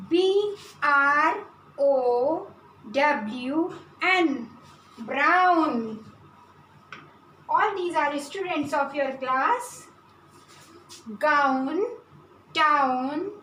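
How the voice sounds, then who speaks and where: A woman with an Indian accent teaching an online phonics lesson to small children, spelling words out slowly and mixing English and Hindi. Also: high voice, pushed and bright, roomy sound, a little hiss or hum, rough recording. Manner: slow, deliberate spelling out of sounds and letters; mixes English and Hindi in her explanations. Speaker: kindergarten teacher.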